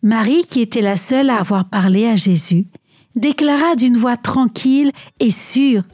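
A woman reading a story aloud in an animated, dramatic way, at times dropping to a whisper. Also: fairly high pitch, normal speed, no echo, studio quality.

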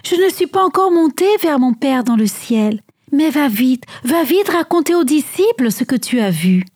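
A woman doing a soft-spoken gentle man. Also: high voice, very animated, moderate pace, dry recording, studio quality.

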